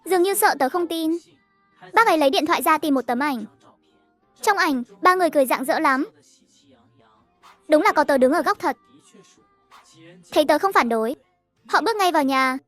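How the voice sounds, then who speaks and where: A woman narrating a cartoon story in a steady, even storytelling voice, over faint music. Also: high-pitched, moderate pace, pauses often, dry recording.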